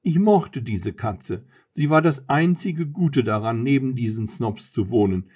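A man's voice: mid-range voice, lively intonation, measured pace, a little mellow. Man reading a curious, joking husband for an audiobook. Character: cheerful curious young husband.

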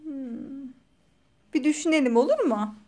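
A woman's voice: sits high, very animated, measured pace, dark tone. A young mother chatting playfully with her toddler, asking teasing, sing-song questions for a family vlog.

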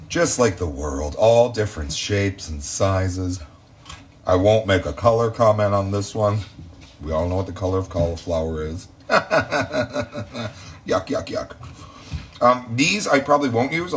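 A man's voice: fairly low pitch, fairly bright tone, a little hiss or hum. A man hosting a casual cooking demonstration from his home kitchen, chatty and campy, cracking self-mocking jokes as he works. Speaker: home cooking show host.

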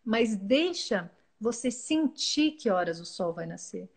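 A woman, giving a calm, earnest spiritual talk as a guest, often restarting her words mid-phrase. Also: mid-range voice, takes it slowly, creaky, slightly rough. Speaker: guest speaker.

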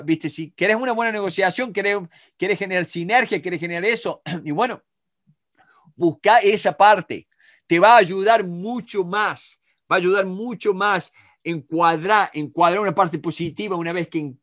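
A middle-aged man with an Argentine Spanish accent teaches negotiation in a live online class, lively and talking to students by name with frequent checks on whether they follow. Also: sits high. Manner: animated, talks to students by name, many rhetorical checks. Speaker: negotiation instructor.

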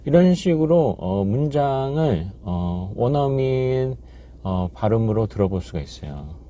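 A man teaching English in a casual podcast lesson, halting with many fillers and slowly repeating practice phrases. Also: mid-range voice, big pitch swings, mellow, a little hiss or hum.

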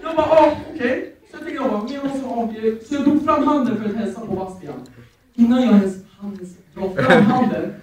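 A young man telling animated stand-up stories and acting out the people in them. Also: extremely high pitch, background noise. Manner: animated, acting out quoted people in many voices. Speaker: stand-up comedian. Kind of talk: stand-up storytelling. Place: stage before a live audience. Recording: echoey room from far off, audience laughing.

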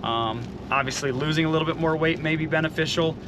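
A man's voice: on the high side, quick pace. A man giving a casual vlog update, rambling with many ums and uhs, recorded outdoors and then in his truck. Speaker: vlogger. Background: outdoor noise, rain.

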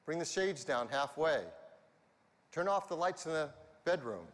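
A man's voice: fairly high pitch, expressive, a little slow. Man, 50s, keynote presenter, enthusiastic, headset mic, long arena reverb. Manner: enthusiastic, walks the stage gesturing. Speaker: presenter at a product launch. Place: large arena stage before a big audience.

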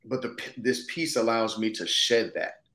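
With a fairly low, slightly bright voice at normal speed, an actor in his thirties chats thoughtfully and casually as an interview guest on a video call. He sits near the camera in an indoor room and punctuates his remarks with "you know what I'm saying."

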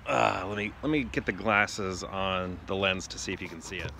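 A man in his forties with a low voice vlogs casually into a phone held at arm's length in a residential backyard, talking at a normal pace as he watches the sky. He muses tentatively and often trails off mid-thought. Outdoor ambient sound comes through clearly.

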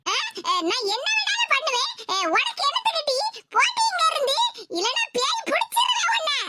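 A woman voicing a gloating scheming woman with a Tirunelveli accent, slow and cackling, in a cartoon. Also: very high voice, very animated, bright, forceful tone, heavily acted. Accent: Tirunelveli Tamil. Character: gloating scheming woman who stole money.

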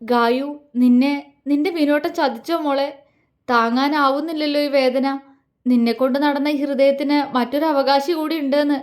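A woman's voice: high voice, moderate pace, close to an everyday voice. A woman voicing a grieving young man torn between two loves, pleading and anguished in an audio story. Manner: anguished, pleading inner monologue.

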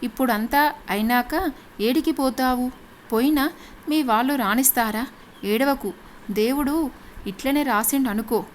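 A woman's voice: sits high, measured pace, pauses often, a little hiss or hum. A woman reading the lines of a caring middle-aged village housewife, soothing and motherly. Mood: worried.

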